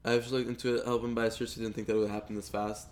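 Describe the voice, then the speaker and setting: A man's voice: fairly low pitch, level tone, very fast. A young man live-streaming a game, chatting casually with his viewers and stumbling over repeated words. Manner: stammers and repeats words, talks to chat while playing.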